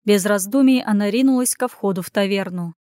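A woman reading a fantasy story aloud in brisk, even narration. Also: mid-range voice, dry recording, clean studio sound. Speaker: audiobook narrator.

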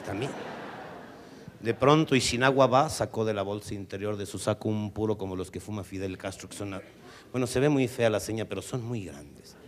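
A man with a Mexican Spanish accent telling a profane comic story, drawing out punchlines and jumping into high voices for the people he quotes. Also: slight background noise. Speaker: stand-up comedian.

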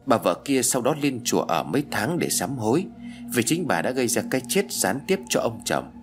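A man voicing an old village grandmother who calmly explains a death by spirits. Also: medium pitch, fairly quick, music in the background, close to an everyday voice. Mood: matter-of-fact.

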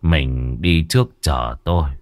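A man doing a grieving old husband's low prayer. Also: no room sound. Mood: sorrowful prayer. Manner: low, slow, hushed and sorrowful. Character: grieving older husband praying to his dead wife.

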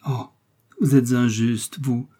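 A man's voice: mid-range voice, normal speed, warm tone, husky, natural voice. A man reading aloud and voicing a scheming young woman prisoner who pleads with feigned, tearful piety. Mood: tearful pleading. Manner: pleading, tearful, falsely sweet.

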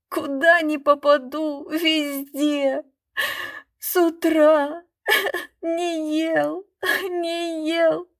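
A woman voicing a nervous, shabby male stage magician with a trembling, apologetic patter. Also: a little high.

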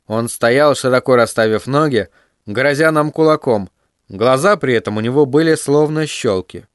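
A middle-aged man narrating an audiobook in a vivid, expressive storytelling manner. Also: medium pitch, normal speed, clean tone, dry recording, studio quality.

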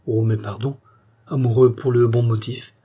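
An eager, lovesick young police inspector, read by a male audiobook narrator, with a dark, husky voice. He speaks earnestly and keenly to his superior. It stays close to the reader's own voice. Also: mid-range voice, fairly even intonation, moderate pace, lightly acted.

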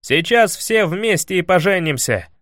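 A man voicing a boisterous young hero who declaims high and loud. He blusters with pompous pride, and every line comes out as a bold proclamation. A lively storybook voice, dry and close. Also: unhurried, no room sound. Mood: excited. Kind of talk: audiobook character voice.

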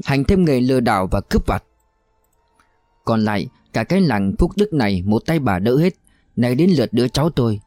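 A man narrating a novel in a steady, even storytelling voice. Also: medium pitch, no room sound.

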